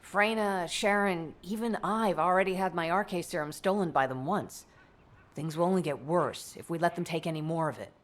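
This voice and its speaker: An actress voices a composed, scholarly female doctor and mother in a video game, speaking at a fairly low pitch in a measured, articulate, matter-of-fact way. Her performance is lightly acted and analytical, delivered as scripted dialogue in an explanatory briefing.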